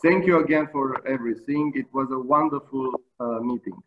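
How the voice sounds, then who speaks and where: Polite moderator on a tinny line. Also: male voice, mid-range voice, a little hiss or hum. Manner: polite, thanking, slightly halting. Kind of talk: closing a panel discussion. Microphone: video call.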